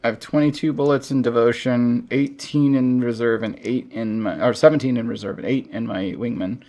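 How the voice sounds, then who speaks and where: A man streaming a shooter game, chatting casually and thinking out loud with frequent chuckles. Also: medium pitch, fairly even intonation, moderate pace. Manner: chuckles often, thinks aloud. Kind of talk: casual gameplay chat.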